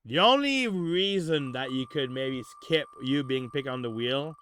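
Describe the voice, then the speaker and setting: A man's voice: medium pitch, expressive, a little slow, fairly bright tone, clean tone. A man hosting a live demo review stream, giving casual feedback in a loose, rambling way full of fillers and easy swearing. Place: home studio on a Discord call.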